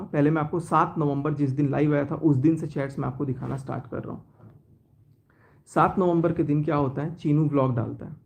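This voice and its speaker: A man's voice: a little high, vocal fry, darkish tone, breathy edge. A man on a phone live stream, reading out chat messages and telling his side with a sense of grievance. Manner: aggrieved, reads out chat messages. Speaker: YouTuber showing chats on a live stream.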